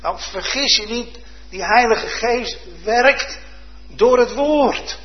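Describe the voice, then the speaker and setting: A man preaching a sermon with fervent, dramatic delivery, dropping to hushed tones and rising to loud exclamations. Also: extremely high pitch, takes it slowly. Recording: dull lo-fi sound.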